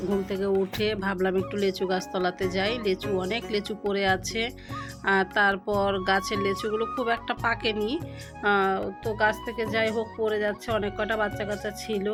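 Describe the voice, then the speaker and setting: A middle-aged woman chats through a home vlog in a flat, even voice, pausing often as she speaks slowly and haltingly, unwell with a headache. Her phone sits set down nearby, and faint music plays under her talk. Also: mid-range voice. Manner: slow, halting talk with pauses. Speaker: vlogger. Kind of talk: casual daily-life vlog. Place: home kitchen and village shop.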